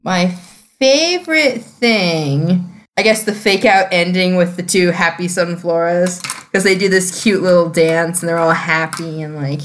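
A woman's voice: on the low side, measured pace. Giggly woman podcast co-host. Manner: giggly, playful, laughs often. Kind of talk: casual chat recapping cartoon episodes.

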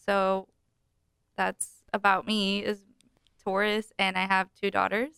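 A woman in her twenties answers interview questions casually, pausing to think and laughing easily. Her voice is very clean and crisp. The recording is close and dry. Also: mid-range voice, little pitch movement, a bit bright, no echo. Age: 20s. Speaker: guest, accounting employee.

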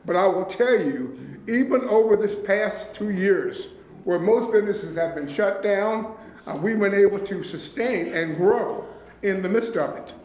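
Addressing county officials in a meeting room, a nonprofit leader speaks earnestly and gratefully, often checking in with his listeners. His voice sits high yet has a darkish tone, with lively intonation and a measured pace. The room is echoey, with a little hiss or hum.

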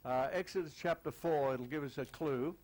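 Older man preaching a slow Bible study. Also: on the high side, darkish tone, low-quality recording. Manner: conversational, many fillers, reads scripture slowly. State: croaky voice. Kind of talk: sermon teaching.

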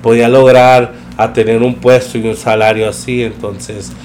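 A young man telling a story in a relaxed, slangy way, mixing in English phrases. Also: mid-range voice, moderate pace, a little hiss or hum. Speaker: podcast guest telling his career story. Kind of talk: casual storytelling chat.

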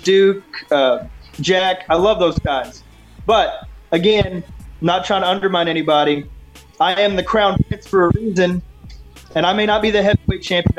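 A man with a high-pitched voice talks as a pro wrestler in a casual interview. He sounds earnest and sure of himself, with faint music behind him. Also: rough recording. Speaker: professional wrestler being interviewed. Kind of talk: casual interview talk with confident self-promotion.

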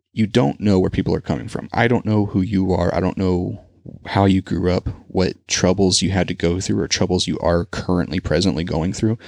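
A man's voice: deep voice, gravelly, no echo, studio quality. A man hosting a solo podcast, talking in an earnest, rambling, conversational way. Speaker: podcast host. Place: Texas.

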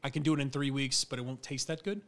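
A man's voice: medium pitch, steady tone, quick pace, a bit bright. A man chatting casually on a podcast, rambling through his explanations with fillers and restarts. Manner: rambling, many fillers and restarts, laughs easily. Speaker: podcast guest, home mead maker. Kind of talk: casual chat.

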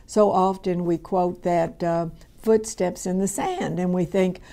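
A woman's voice: lowish voice, steady tone, a little slow, gravelly, warm tone. A woman, giving a conversational radio Bible teaching that rambles along with many fillers and restarts. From Kentucky, USA. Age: 70s.

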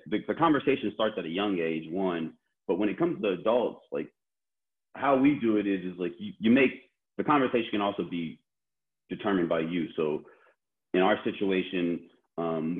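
A man born in Korea, speaking as an interview guest in a loose, rambling way with many fillers and restarts. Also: low-pitched. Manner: rambling, heavy use of "like" and restarts. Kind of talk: casual conversational interview. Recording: tinny phone-like line.

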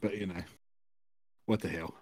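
Laid-back Southern American man, low voice. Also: fairly even intonation, moderate pace, a little mellow. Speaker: podcast guest. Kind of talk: casual podcast chat.

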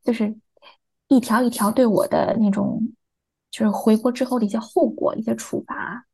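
A woman's voice: fairly high pitch, fairly even intonation, moderate pace, mellow, breathy edge. A young woman from China, a podcast interview guest, hesitantly recounting a personal experience and acting out remembered dialogue.

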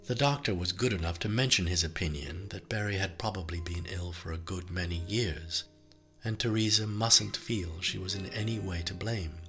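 A man reading an audiobook as its narrator, in an even, measured storytelling manner. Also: low-pitched, soft background music. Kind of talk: scripted narration.

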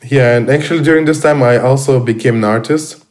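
A man, a guest speaking casually in English, pausing often with fillers and restarts. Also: mid-range voice, darkish tone. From Armenian, raised in Russia. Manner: halting, many fillers and restarts. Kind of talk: casual conversation.

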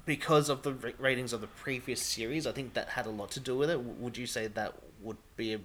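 A man's voice: mid-range voice, fairly even intonation, fast, a bit bright, a little hiss or hum. Rambling Australian man, podcast host. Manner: rambling, heavy use of "like". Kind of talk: casual chat.

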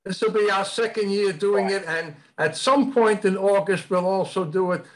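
High-voiced, matter-of-fact man. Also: normal speed, slight background noise. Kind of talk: casual chat.

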